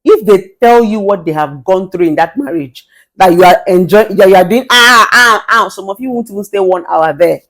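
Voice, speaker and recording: In this motivational monologue, a middle-aged Nigerian woman who is a relationship therapist speaks at medium pitch and normal speed. She commands attention with an authoritative voice, giving emphatic, forceful advice and mixing in some Pidgin.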